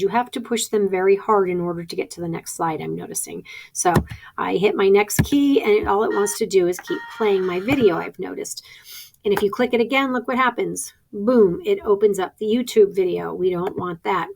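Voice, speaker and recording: A woman teacher walks through each step of a task in a practical, chatty way. She thinks aloud as she clicks through the screen, and her voice sits at an ordinary middle pitch. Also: moderate pace, vocal fry, a little mellow, slight background noise. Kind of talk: instructional screen-recording walkthrough.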